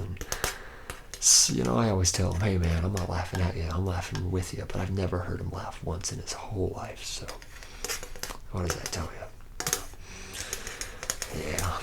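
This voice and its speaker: Deep and gravelly, a man plays a charismatic, hard-drinking slacker robot mechanic who chases women, sounding easygoing and chummy. Over background noise, he improvises an ASMR roleplay aimed at the listener as his trainee, rambling, slangy, pal-like and slightly self-deprecating.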